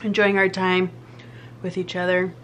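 A woman's voice: fairly low pitch, completely flat delivery, moderate pace, fairly bright tone, slight background noise. A young woman vlogging casually at a family dinner, giggly and switching between English and Spanish. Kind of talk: casual mukbang vlog chat.

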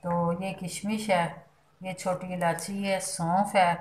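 A woman's voice: lowish voice, level tone, slow, a little mellow. A middle-aged woman hosting a home cooking demonstration from her kitchen, explaining each step in a homely way and adding blessings. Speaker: cooking channel host. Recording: echoey kitchen, faint clatter. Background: clinking pots and utensils.

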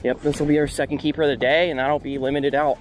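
A man's voice: a little high, flat delivery, quick pace, soft background music. Young man narrating from a fishing boat. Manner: upbeat, talks to the camera while working the line. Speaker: fishing vlogger. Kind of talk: casual solo narration while fishing. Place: open flats boat on the water outdoors. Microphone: action camera mounted on the boat. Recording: wind and boat noise outdoors.

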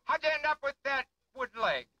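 An inquisitive sailor played by a man asks question after question in a plain, straightforward way. The voice sits high and bright. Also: very animated, moderate pace, far from the mic, highs cut off, full character voice. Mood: curious. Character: curious adult male sailor asking questions.

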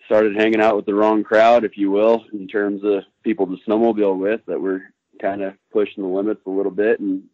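A man's voice: lowish voice, little pitch movement, brisk, darkish tone, dry recording. A young adult man, a backcountry snowmobile rider, talking earnestly as a podcast guest. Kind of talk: casual podcast interview. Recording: thin phone-like line, dry.

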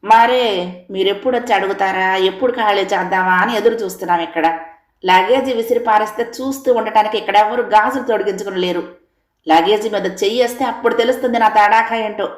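A woman's voice: medium pitch, fairly quick, reverberant, natural voice. A woman doing a stubborn man hitting back. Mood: defiant. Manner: firm, retorting, matching anger. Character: stubborn older man, sharp and unyielding.

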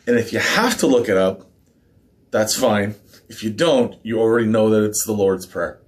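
A slightly hoarse man in his thirties, with a lowish voice at normal speed, hosts a casual men's ministry devotional in his living room beside a fireplace. He talks in a relaxed, conversational way, with filler words, small laughs and little asides, captured by a fixed camera at mid distance.

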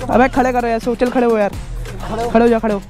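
Casting: high-pitched man, exasperated peacemaker, vlog argument, music bed. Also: little pitch movement, fairly quick. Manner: pleading, exasperated, trying to stop a fight. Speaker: motovlogger.

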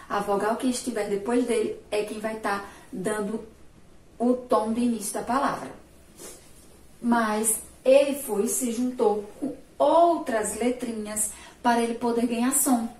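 A woman teacher from Sergipe in Brazil with a Sergipe accent, giving a remote literacy lesson to young children, slow and patient, praising answers and drawing out syllables. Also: a little high, a little mellow. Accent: Sergipe Brazilian Portuguese. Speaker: primary school teacher. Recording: echoey room, voice from a distance.

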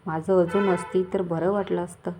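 A woman's voice: on the low side, level tone, normal speed, dark tone, slight background noise, close to an everyday voice. A woman voicing an idle, drinking village husband who speaks meekly and deferentially. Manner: meek and deferential.

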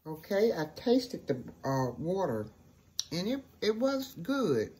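Slow, folksy woman cooking at home. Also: lowish voice, very animated, warm tone. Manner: folksy, chatty, says "okay" often. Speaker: cooking show host. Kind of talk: casual cooking demonstration. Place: home kitchen. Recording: noisy home kitchen recording.

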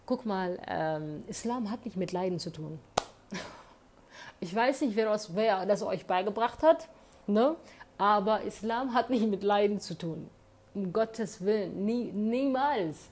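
A woman's voice: medium pitch, a little slow, darkish tone, a little hiss or hum. A woman talking straight to her phone camera in a room, giving earnest, emphatic motivational advice and often checking in with tag questions. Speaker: advice vlogger. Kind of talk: motivational monologue. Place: indoor room.

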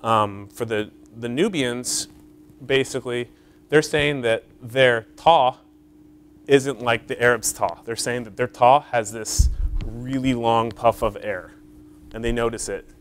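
A man's voice: medium pitch, steady tone, a little slow, slight background noise. A man giving an academic conference talk, explaining step by step with frequent fillers and questions to the audience, in a lecture hall. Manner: explains step by step, checks in with "right?" and "okay?".

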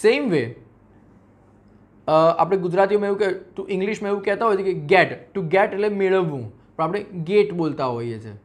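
Male teacher, Gujarati accent, high voice, spells words out and acts out common mistakes. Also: moderate pace. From Gujarat, India. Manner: explains by spelling words out letter by letter; acts out common mispronunciations with everyday examples. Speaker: English pronunciation teacher. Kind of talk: teaching lesson.

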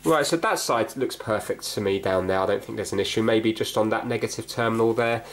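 Brisk and fairly low in pitch, a man narrates his hands-on repair for a video, working indoors at a cluttered workbench. He muses aloud and explains each step tentatively, with clear background noise and clicks from handling in the recording.

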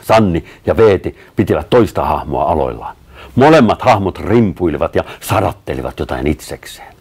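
A man narrating a children's story aloud in an expressive storytelling manner. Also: sits low, husky. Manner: expressive storytelling with lively voiced dialogue.

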